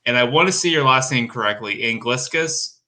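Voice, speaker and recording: A man hosting a casual live-stream interview, easygoing and quick with short affirmations. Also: medium pitch, expressive, sharp tone, low-quality recording. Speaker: podcast host.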